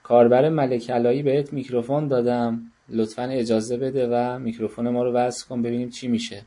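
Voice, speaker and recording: A man's voice: mid-range voice, level tone, mellow. A man teaching an online parenting workshop, coaxing and joking with participants as he calls on them by name. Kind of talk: online class lecture.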